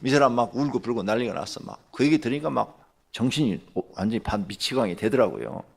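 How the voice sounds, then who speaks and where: A man preaching a dawn sermon in a gravelly, creaky voice. His pitch moves a lot as he tells his story, dropping to hushed asides and then rising to loud, heated bursts. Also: fast talker. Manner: animated, swings from hushed to shouting. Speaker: pastor.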